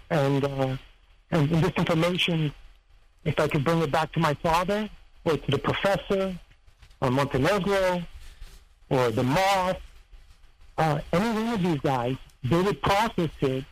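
Halting, rambling man from Serbia. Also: a little high, low-quality recording. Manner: halting, rambling, searches for words. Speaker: guest, former heist crew member. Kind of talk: casual interview storytelling.

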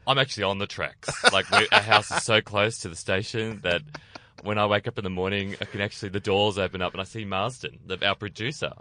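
Deep-voiced male car co-host with a dry, close sound, excitable and joking. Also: fairly quick, no room sound. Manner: enthusiastic, self-correcting, jokey. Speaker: co-host reviewing cars. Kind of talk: casual car chat.

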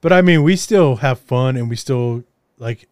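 A man's voice: medium pitch, measured pace, darkish tone, no echo, studio quality. A man hosting a casual interview, hesitant and hedging his words. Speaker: podcast host interviewer.

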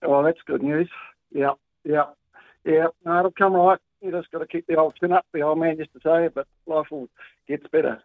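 Calling into a talkback show on speakerphone, a New Zealand-accented man speaks at a moderate pace in a voice on the high side with fairly even intonation. He's colloquial and rambling, with lots of ums and false starts in this casual call. The phone line sounds tinny and dry, without echo.

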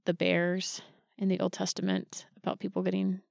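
Female podcast host, lowish voice, upbeat and conversational, dry sound. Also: monotone, moderate pace, vocal fry, a little mellow, dry recording. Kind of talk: podcast hosting.

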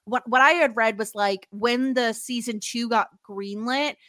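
Brief: woman podcast host, higher pitch, bright and forceful, chatty filler-heavy talk, dry sound. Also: a little slow, no room sound. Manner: chatty, full of "like" and "obviously". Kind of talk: casual chat.

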